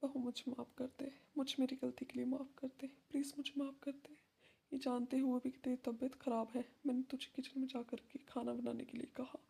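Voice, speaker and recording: Brief: woman voicing a middle-aged mother-in-law, gravelly and raspy, harsh temper, short home-made drama. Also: sits high, flat delivery, fairly quick, dark tone, exaggerated voice. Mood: remorseful. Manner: scolding, blunt.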